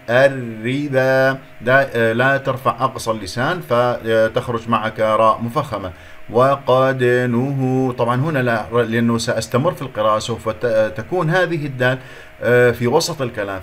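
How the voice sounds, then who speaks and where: A man's voice: medium pitch, a bit bright, a little hiss or hum. Man teaching careful Quran recitation. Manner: slow drawn-out recitation alternating with quick explanations; corrective, repeats words and points out errors. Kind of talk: letter-by-letter recitation lesson.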